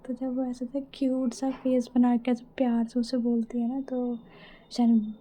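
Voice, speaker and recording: A woman's voice: fairly high pitch, level tone, unhurried, mellow. A woman narrating a love story in a casual, conversational way.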